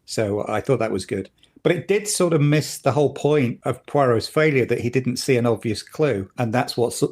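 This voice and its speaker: Husky-voiced man co-hosting a podcast. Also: medium pitch. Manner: opinionated, animated when annoyed. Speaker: podcast co-host. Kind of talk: casual chat.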